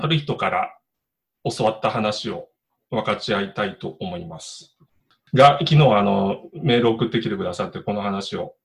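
Man, middle-aged, preacher, low-pitched, conversational sermon, hesitant fillers. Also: creaky. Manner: conversational, many fillers and restarts. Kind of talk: casual sermon.

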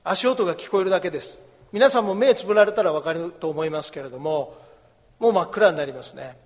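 High-voiced pastor preaching in a reverberant hall. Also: male voice, expressive, fast. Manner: explains scripture, acts out the beggar's and crowd's cries. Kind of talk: sermon.

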